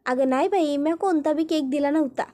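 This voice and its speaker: A woman's voice: high voice, fairly quick, warm tone, natural voice. Woman reading as scolding village auntie. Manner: scolding, blunt.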